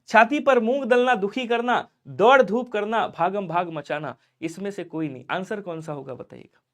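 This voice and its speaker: A young man with a high-pitched voice runs a live online exam-prep class. He talks in a lively, coaxing way, firing questions at his students and acting out their answers. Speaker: Hindi teacher.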